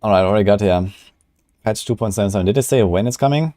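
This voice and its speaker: Young male streamer, low mellow voice, loose rambling chatter, dry close sound. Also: quick pace, no echo. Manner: rambling, filler-heavy. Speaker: gaming streamer. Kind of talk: casual livestream commentary.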